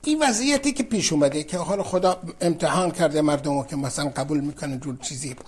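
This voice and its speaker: Husky man telling a religious story. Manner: conversational, acts out dialogue with shifts in pitch. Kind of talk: informal religious storytelling lesson.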